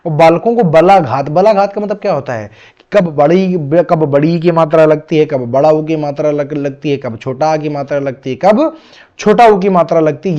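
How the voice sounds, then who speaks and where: A man teaching an exam-prep class, his voice sitting a little high for a man. He keeps asking questions and then answering them himself, patiently walking through each point. The recording sounds dull and lo-fi. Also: a little mellow.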